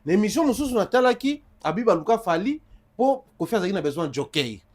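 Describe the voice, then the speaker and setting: Brief: male pundit, insistent and emphatic, voice sitting a bit high. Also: very animated, fast. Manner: emphatic, insistent, mixing French and Lingala. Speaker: commentator on a music show. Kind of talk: heated studio debate.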